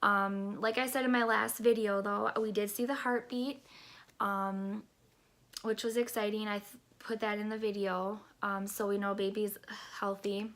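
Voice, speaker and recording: A woman in her thirties, her nose stuffy and congested, rambles through a casual pregnancy update vlog, recorded on a camera mic in a small bedroom. Her medium-pitched voice is flat, unhurried and a bit bright, full of fillers and restarts.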